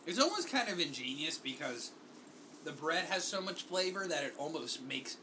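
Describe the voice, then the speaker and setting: Guy hosting a food tasting, kinda high bright voice, teasing and hyped, faint room hum. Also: big pitch swings, moderate pace, rough recording. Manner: teasing, enthusiastic reactions. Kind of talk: casual food tasting chat.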